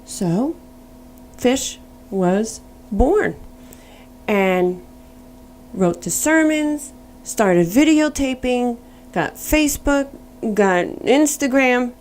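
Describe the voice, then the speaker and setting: A woman's voice: on the high side, expressive, drawn-out words, darkish tone, slight background noise. A middle-aged woman giving a personal faith testimony, earnest and storytelling, now and then spelling words out letter by letter.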